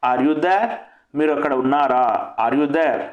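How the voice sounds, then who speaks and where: A man's voice: slow pace, muffled recording. A man teaching spoken English, saying each short English phrase, giving its meaning and repeating it. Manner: lifts his pitch on the English phrases. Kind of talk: language lesson with repetition. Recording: echoey room.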